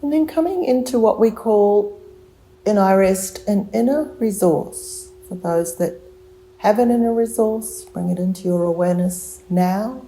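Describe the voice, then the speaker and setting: Heard through poor audio, a medium-pitched woman guides a relaxation meditation, offering soft, calming instructions and taking long, leisurely pauses.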